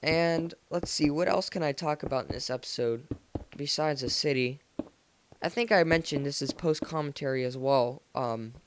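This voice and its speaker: A teenage guy from the United States, with a fairly high voice and slight background noise, casually narrates a gaming video. His commentary rambles in loose, slangy fashion, recorded indoors as a voice-over after the gameplay.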